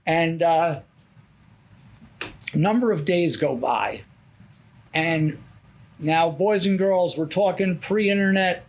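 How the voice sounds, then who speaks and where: An older man, a podcast host, telling a long story in casual chat, rambling and dropping low to act out other people's lines. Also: slow pace, pauses often. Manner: rambling, drops his voice low to act out quotes.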